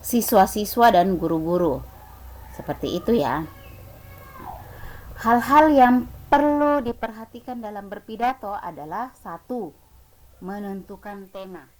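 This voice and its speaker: A woman's voice: mid-range voice, unhurried, long pauses, darkish tone, poor audio. A woman teacher explaining a lesson patiently, repeating points and asking the pupils rhetorical questions. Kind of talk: slow online class explanation.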